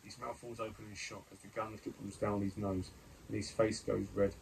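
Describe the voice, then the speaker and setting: Gravelly man reading a gamebook aloud. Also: lowish voice, flat delivery, normal speed, a little mellow, a little hiss or hum, low-quality recording. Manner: mutters over dice rolls and choices, hesitant fillers. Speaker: gamebook player and reader.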